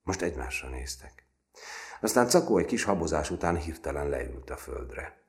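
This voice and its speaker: Very deep-voiced male narrator. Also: a little hiss or hum. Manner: expressive storytelling reading. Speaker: audiobook narrator. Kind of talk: scripted narration.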